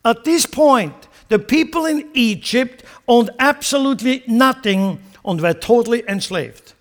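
A man preaches in a fairly high voice. He leans hard on key phrases, then drops to quiet asides and chuckles at his own jokes. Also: lively intonation, unhurried. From Switzerland. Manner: emphatic, swings between loud stressed phrases and quiet asides. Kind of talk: sermon.

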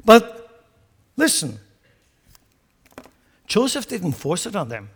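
A man from Switzerland preaching a sermon, emphatic and joking, dropping from loud stressed lines to quiet asides. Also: sits high, wildly swooping pitch, takes it slowly, slightly rough. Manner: joking, chuckles at his own remarks.

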